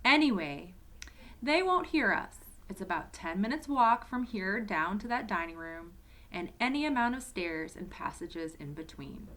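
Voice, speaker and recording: A woman's voice: medium pitch, expressive, measured pace, fairly bright tone. A woman voicing a confident, adventurous schoolboy, the eldest brother, in an emphatic, eager and bossy storybook reading.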